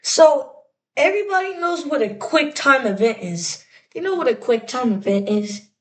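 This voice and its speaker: A woman's voice: sits high, animated, normal speed, poor audio. A woman giving casual, rambling reaction commentary in slangy, mock-exasperated rants. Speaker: video creator reacting to clips.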